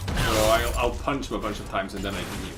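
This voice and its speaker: A man's voice: lowish voice, fairly even intonation, fast talker. A man giving casual gameplay commentary, thinking aloud hesitantly over game music. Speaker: gamer playing and commenting. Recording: loud game music behind. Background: loud game music and sounds.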